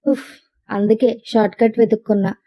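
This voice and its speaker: A woman's voice: on the high side, flat delivery, a little fast, dark tone. Cheeky young suitor, read by a woman. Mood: playful.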